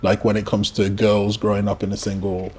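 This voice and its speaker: A podcast host leads a casual discussion, probing with questions and rephrasing them mid-sentence. His voice sits on the low side, darkish and monotone, a little fast, with a little hiss or hum.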